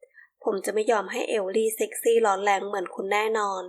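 A doting, playful husband in an audiobook romance, read by a woman in her own near-natural voice. He speaks softly and slowly, fond and teasing toward his wife. Pitch sits mid-range, with no rough edges. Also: flat delivery, lightly acted. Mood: tender.

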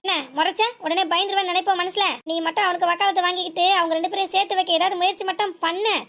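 Woman doing a bossy cartoon wife, southern Tamil Nadu accent, high-pitched, nagging, threatening. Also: fairly even intonation, very fast, a bit bright.

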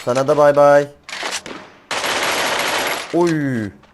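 Young guy gaming and ranting, kinda high voice, gunshots going off loud behind him. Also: extremely slow. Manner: excitable, exasperated slangy chatter. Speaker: gaming channel host. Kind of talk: live gameplay commentary. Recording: game gunfire noise underneath. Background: gunfire and game sounds.

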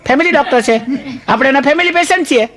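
A man's voice: extremely high pitch, fast talker, a bit bright, pitched above the performer's own voice. A man voicing an insistent wife who scolds her husband in a comic stage story. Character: bossy wife ordering her husband about.

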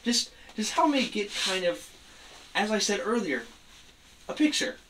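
A man playing a tough cop interrogating a suspect, pressing and skeptical in a halting delivery. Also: sits high, sing-song, fairly bright tone, heavily acted. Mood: coaxing. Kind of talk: amateur acted interrogation scene. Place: small room, camera across the room. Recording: distant mic, noisy room.

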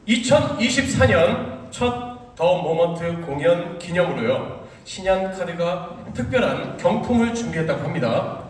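Lively male stage host, echoing hall. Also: sits high, a little slow. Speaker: host of a theater curtain-call prize draw. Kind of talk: live stage announcing. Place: large indoor theater stage. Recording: echoey theater hall, distant, noisy crowd.

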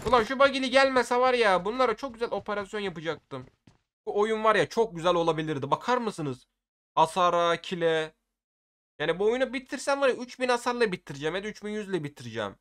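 A man giving excitable gameplay commentary for his video, often shouting at the game and using casual slang. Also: sits high, quick pace. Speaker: gaming video creator.

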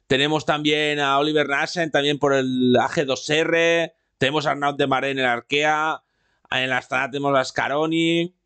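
A man's voice: a little high, a bit bright, clean tone. A man hosting a casual podcast, rambling and repeating himself, tagging his sentences with a questioning "eh". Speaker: podcast host. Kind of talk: casual cycling chat with live chat.

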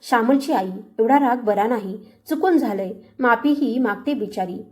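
A bold, kindly party guest who speaks up calmly in reproach, as a woman narrator puts her on. Her voice is fairly high and mellow. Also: normal speed, natural voice. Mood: reproachful.

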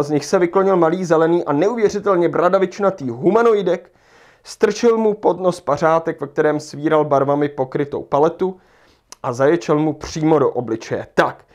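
A man leading a livestreamed lesson, thinking aloud as he rereads passages and works through an exam task. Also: on the high side. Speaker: Czech language teacher.

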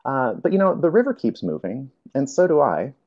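A man's voice: mid-range voice, very animated, normal speed, lo-fi sound. A man presenting a workshop, telling his personal story in a reflective, hesitant way with frequent fillers.

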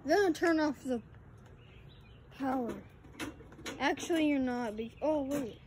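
A woman chatting casually while filming a walk through overgrown grounds and derelict buildings on a handheld phone, now and then dropping into hushed asides. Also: sits high, a little slow, noisy background. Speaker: vlogger exploring an abandoned farm. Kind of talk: casual handheld exploration vlog. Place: outdoors in an overgrown rural yard and derelict buildings. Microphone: phone camera held by the speaker.

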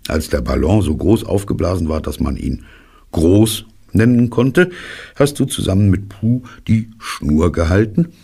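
Very deep, gravelly storybook narrator, a man. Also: sing-song, a little slow, warm tone. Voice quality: gravelly, husky. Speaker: audiobook narrator.

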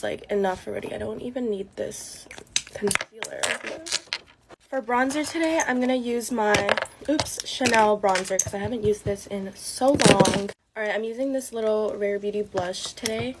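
A woman's voice: medium pitch, normal speed, very noisy. Chatty teen girl doing a makeup vlog. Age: late teens. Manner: chatty, casual, filler-heavy. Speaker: beauty vlogger. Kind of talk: get-ready-with-me vlog chat.

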